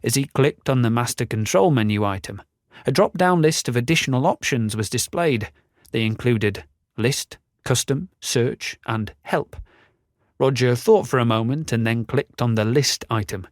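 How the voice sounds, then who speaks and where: A man narrating a fantasy audiobook in a measured, descriptive reading. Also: mid-range voice, lively intonation, dry recording, studio quality. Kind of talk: scripted narration.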